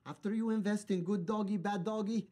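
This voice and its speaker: An actor playing a sensitive, earnest young entrepreneur who is easily hurt, in a sitcom. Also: male voice, sits high, steady tone, fairly quick, dark tone, natural voice. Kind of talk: sitcom acting.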